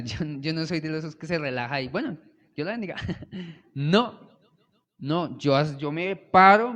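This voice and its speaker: Young man preaching in a reverberant church. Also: fairly high pitch. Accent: Colombian Spanish. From Colombia. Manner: conversational, asks the congregation frequent "¿sí?" checks. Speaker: church worship leader preaching. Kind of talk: sermon. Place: church sanctuary. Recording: long hall reverb of a church.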